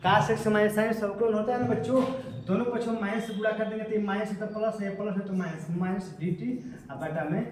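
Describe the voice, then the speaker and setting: A man's voice: sits high, fairly even intonation, fast. A tired male maths teacher, lecturing in a repetitive, coaxing way and often checking in with his students. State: tired, low on energy. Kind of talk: classroom lecture. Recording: roomy echo, voice far from mic.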